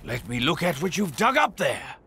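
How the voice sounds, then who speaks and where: A man's voice: on the high side, sing-song, normal speed, heavy background noise. A man voicing an admiring archaeologist in a children's cartoon. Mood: impressed. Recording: loud music under the voice.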